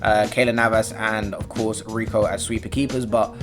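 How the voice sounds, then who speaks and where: A young man giving casual, slangy commentary on a football game. He rambles and breaks into sudden loud, excited outbursts. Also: on the low side, normal speed, soft background music. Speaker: gaming YouTuber.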